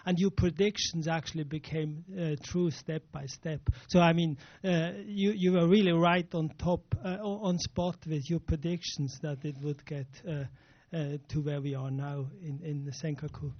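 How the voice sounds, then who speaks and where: A high-pitched man talks quickly and eagerly from the audience at a press briefing. His voice is dry and dull, as if heard from some distance off. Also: steady tone, no room sound. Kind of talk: question from the floor.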